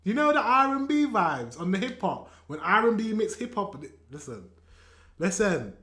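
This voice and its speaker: Excitable British man in an echoey room. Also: sits high, normal speed. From England. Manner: excitable, swears, laughs often. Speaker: reaction video host. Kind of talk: casual reaction commentary. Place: room at home with a shelf behind him.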